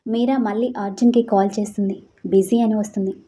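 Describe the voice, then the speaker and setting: A woman's voice: medium pitch, steady tone, quick pace, warm tone. A woman narrating an emotional love story aloud, reading every character's dialogue in her own voice.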